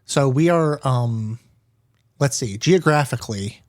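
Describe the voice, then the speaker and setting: A man's voice: medium pitch, lively intonation, unhurried, a little mellow, no room sound. A man co-hosting a podcast, chatting casually in a rambling, hesitant way. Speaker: podcast co-host. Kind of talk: casual chat.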